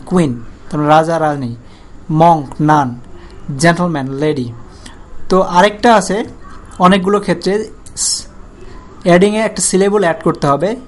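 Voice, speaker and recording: Patient teacher. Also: mid-range voice. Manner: explains patiently, spells out words letter by letter, drawn-out "ah" pauses. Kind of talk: recorded grammar lesson.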